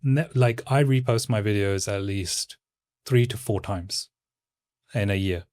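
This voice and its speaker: A man speaking as a guest in a casual interview, with a stoic, calm, monotone delivery. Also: fairly low pitch, dry recording, studio quality. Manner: stoic, measured. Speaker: guest, content creator.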